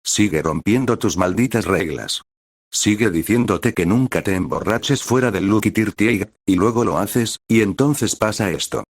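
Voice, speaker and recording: Man doing a gruff hungover courier. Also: on the low side, normal speed, no echo, studio quality. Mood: frustrated. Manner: cursing, self-scolding, flustered.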